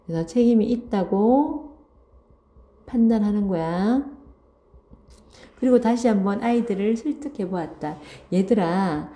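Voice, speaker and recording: Woman teacher, very bright piercing voice, reads a story aloud, repeats key words, checks understanding. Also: a little high. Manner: reads passages aloud, then restates key words slowly and asks "그치?". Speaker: Korean language teacher. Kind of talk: online literature lesson, reading and explaining a story.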